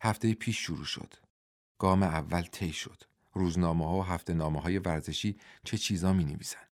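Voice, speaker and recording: A man's voice: deep voice, dry recording, clean studio sound, pitched below the performer's own voice. A man voicing a young male wrestler, anguished and pleading, in a storybook reading.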